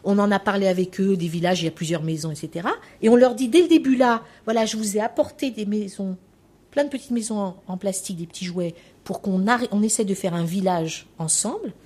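A woman's voice: medium pitch, a little fast, a little mellow. Chatty woman lecturer. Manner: chatty, leaning on "hein" and "voilà". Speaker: lecturer on children's language. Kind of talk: spoken lecture with anecdotes.

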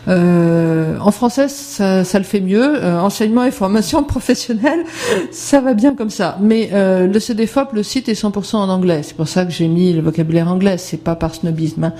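A conference presenter walking through slides, speaking haltingly with many filler sounds. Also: medium pitch, mellow.

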